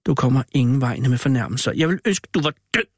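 A man's voice: mid-range voice, expressive, husky, no room sound, studio quality. A man voicing a spoiled, hateful young boy with a whiny, bitter manner.

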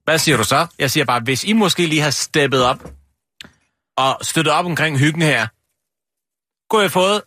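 A man in comedy radio banter with a husky, bright voice. His pitch swings widely as he talks. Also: lively intonation, long pauses.

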